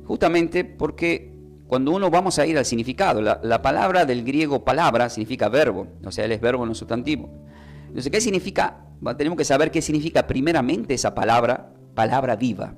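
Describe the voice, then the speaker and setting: Pastor guy doing a live sermon, teaching slow and careful, soft music underneath. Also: medium pitch. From Argentina. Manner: teaching, explains word meanings step by step.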